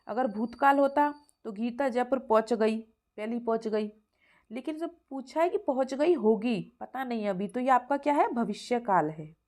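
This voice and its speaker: A woman's voice: fairly high pitch, normal speed, a little mellow. A woman teacher goes through exam questions for young children. She is patient, repeats each answer and calls the listener "beta".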